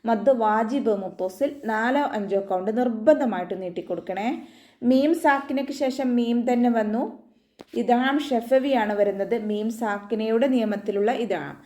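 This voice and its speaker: A woman guides students through recitation rules one point at a time. Her voice sits a little high, and she keeps adding soft reminders to pay attention. The sound carries a noticeable room echo. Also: moderate pace. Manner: patient step-by-step instruction, frequent gentle reminders. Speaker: Quran recitation teacher. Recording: echoey room.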